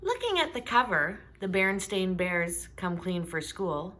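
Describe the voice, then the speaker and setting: Animated woman storyteller for children, bright and expressive, pausing to ask questions. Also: lowish voice. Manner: animated, asks listeners questions. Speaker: storybook reader. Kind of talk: children's storytime read-aloud.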